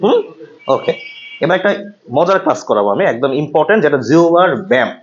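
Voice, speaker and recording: A man from Bangladesh leads a pronunciation class, his voice sitting a little high. He drills each sound aloud and keeps asking the class if they follow. The classroom recording is slightly muffled. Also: expressive, fairly quick, slight background noise. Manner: drills sounds aloud with repetition and quiz questions. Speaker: pronunciation instructor. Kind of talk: classroom lesson.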